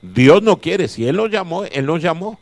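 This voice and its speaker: A man's voice: on the high side, sing-song, normal speed, dry recording. A male pastor preaching a chapel sermon, emphatic and repeating his key phrases. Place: chapel of a Bible college.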